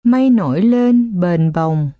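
A woman reading children's stories aloud as scripted narration, with a slow, gentle storybook manner. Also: lowish voice, animated, no echo, muffled recording.

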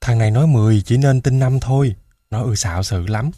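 A man voicing a hushed, doubtful street boy. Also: mid-range voice, brisk, no room sound, studio quality, lightly acted. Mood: skeptical. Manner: hushed, skeptical. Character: wary street boy selling ice cream.

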